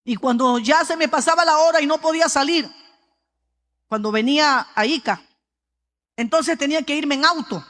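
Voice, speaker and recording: A woman's voice: high voice, normal speed, pauses often. Peruvian woman preaching in a reverberant hall. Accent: Peruvian Spanish. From Peru. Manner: lively storytelling, often calling out "brother" to the congregation. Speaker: pastor. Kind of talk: sermon with personal testimony.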